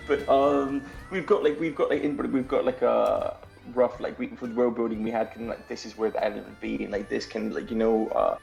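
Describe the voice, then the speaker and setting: A man's voice: mid-range voice, steady tone, normal speed, creaky, darkish tone, faint music behind. A Scottish man, a game developer guest, chatting casually in a rambling way, full of restarts and easy laughter. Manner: rambling, many fillers and restarts, laughs easily. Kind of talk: casual chat.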